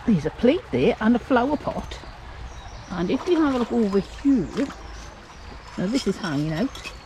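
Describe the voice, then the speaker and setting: Out by a woodland stream, a woman co-hosting a vlog wonders aloud while searching the bank, putting questions to her viewers. Her voice sits on the high side with a sing-song lilt, at normal speed, over a noisy background.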